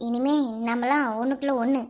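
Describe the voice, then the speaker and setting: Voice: high-pitched, flat delivery, a little fast, pitched below the performer's own voice, natural voice. A performer voicing a polite, hesitant young man with a Madurai Tamil accent.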